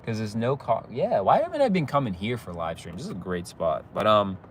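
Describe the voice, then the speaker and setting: His voice is lowish, sing-song and brisk as this young YouTuber chats with viewers during an outdoor phone live stream opposite a police station. He's a bit sniffly with a slight cold, relaxed and rambling, full of "like" and "bro," laughing easily; slight background noise is audible.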